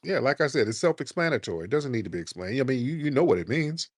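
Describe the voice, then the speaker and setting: Male host, emphatic and insistent, middle pitch, dry. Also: sing-song, fast, dry recording. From United States. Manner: insistent, rhetorical questions, emphatic. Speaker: host of an audio chat room. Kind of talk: casual debate chat.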